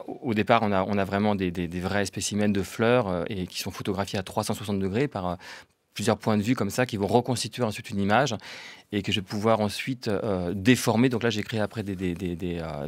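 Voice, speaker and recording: A man's voice: lowish voice, no room sound. A man in his fifties from Brittany, answering radio interview questions hesitantly, with many fillers and repeated words. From Brittany, France. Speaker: guest artist.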